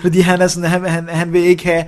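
A man's voice: sits high, monotone. A man co-hosting a casual film review show, talking enthusiastically with lots of hesitations. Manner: enthusiastic, many fillers and restarts. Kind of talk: casual chat reviewing films.

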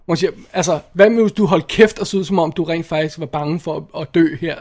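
High-voiced, opinionated man ranting casually. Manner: animated, opinionated, swears and laughs often, many restarts. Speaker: podcast co-host reviewing films. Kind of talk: casual chat.

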